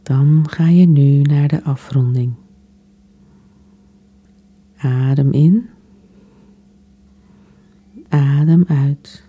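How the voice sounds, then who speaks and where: A woman softly guiding a relaxation exercise in a soothing, unhurried way, with long pauses between phrases. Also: deep voice, steady tone, husky, narrow, tinny audio. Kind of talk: guided relaxation meditation.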